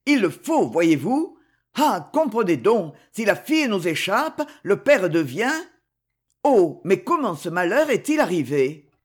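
A reader voicing a scheming court favourite in a historical novel, caressing at times and strained and urgent at others, with a lively, slightly husky voice. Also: medium pitch, measured pace. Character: Italian-born nobleman, scheming, tense favourite of a queen. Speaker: character in a read novel. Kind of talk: audiobook reading.

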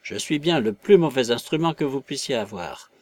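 A man's voice: medium pitch, animated, normal speed, darkish tone, no room sound, natural voice. A man voicing a timid, self-pitying tramp who groans and pleads in a storybook reading. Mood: whining. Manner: plaintive, cowering, self-pitying. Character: whining, timid tramp, middle-aged man.

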